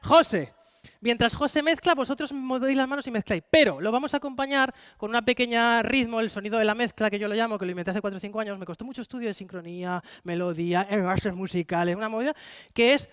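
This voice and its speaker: Male stage magician, Spanish accent, very high voice, brisk playful patter, dry close sound. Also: fairly bright tone, clear, resonant tone, no room sound. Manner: fast, playful showman, coaxing volunteers. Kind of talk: live card-magic show with audience volunteers. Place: conference hall with live audience.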